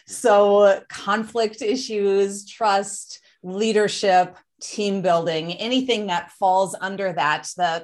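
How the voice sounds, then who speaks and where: A woman guest on an interview show, explaining her coaching and consulting firm in a polished, organized way. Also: on the low side. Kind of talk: conversational interview answers.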